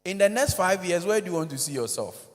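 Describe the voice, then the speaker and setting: A man with a Ghanaian accent, a church minister giving an animated, joking conference talk that switches between English and Twi. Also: sits high, quick pace. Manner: animated, joking, code-switching, addresses audience directly. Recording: long reverb of a large hall.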